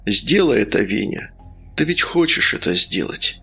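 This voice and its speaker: A man's voice: on the low side, big pitch swings, measured pace, vocal fry, pushed and bright, slightly rough, soft background music, full character voice. A man voicing a stern, cruel male sorcerer who coaxes and orders in an audiobook. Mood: stern, persuasive. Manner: stern, coaxing, harsh barks.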